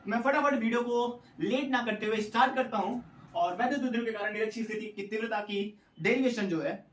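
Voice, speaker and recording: A young man with a high-pitched, fairly bright voice teaches a physics derivation a little fast, playing it up dramatically and cracking jokes, even slipping into student voices. He's recorded from a distance in an echoey room with slight background noise, and a dog barks in the background.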